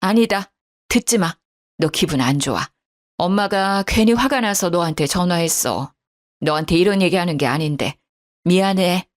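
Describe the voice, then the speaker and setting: A woman's voice: lowish voice, normal speed, lightly acted. A woman voicing an older mother calling her daughter, worried and outraged on her behalf. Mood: subdued. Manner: agitated, indignant chatter.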